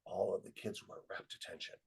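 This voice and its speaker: Lively middle-aged male storyteller. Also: fast, poor audio. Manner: lively storyteller who acts out quoted dialogue. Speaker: webinar presenter and student leadership trainer. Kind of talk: anecdotal storytelling presentation.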